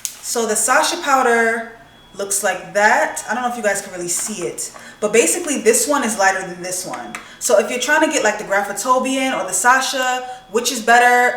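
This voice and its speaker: A young woman vlogger chatting casually while doing her makeup, expressive and swearing freely. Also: medium pitch, recorded from a distance. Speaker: beauty vlogger. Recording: echoey room, voice a bit off-mic.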